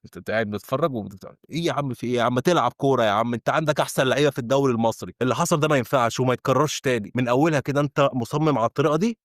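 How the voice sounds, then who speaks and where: A man's voice: medium pitch, dry recording, studio quality. A young Egyptian man ranting in frustration as a football fan reacting to a match. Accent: Egyptian Arabic. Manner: frustrated, exasperated, rapid and insistent. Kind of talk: heated fan reaction rant.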